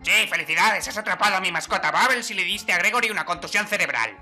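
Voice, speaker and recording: Kaio sama, a man as a very sharp-voiced cranky master. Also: high voice, expressive, fast, full character voice. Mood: sardonic. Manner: irritable, sardonic. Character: cranky, sardonic otherworldly martial arts master. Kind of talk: comedic anime parody dub. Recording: voice over background music.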